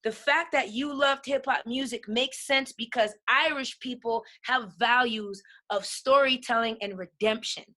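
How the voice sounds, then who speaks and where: Woman guest going off passionately, high and bright voice, keeps saying right?. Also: measured pace, hardly any pauses. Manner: emphatic, keeps asking "right?". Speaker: podcast guest. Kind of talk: passionate conversation.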